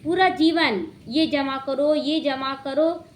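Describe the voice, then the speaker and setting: A woman giving an earnest devotional talk, telling a personal story and quoting others in a softer voice. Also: high voice, slow. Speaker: spiritual speaker.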